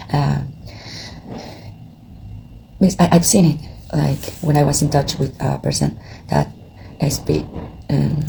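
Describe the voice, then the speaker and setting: A woman whose voice sits low, gravelly and warm, speaks to her viewers as a tarot reader with a Mexican Spanish accent in a casual chat to camera. She is tired from not sleeping, so she hesitates with many fillers and restarts; the low-quality recording has a little hiss or hum.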